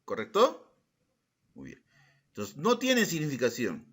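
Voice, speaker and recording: Animated, slow-speaking male teacher. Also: on the high side, breathy edge. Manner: calls on students by name and repeats their answers; asks rhetorical questions in the students' voice. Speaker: secondary school language teacher. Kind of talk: classroom lesson with questions to students.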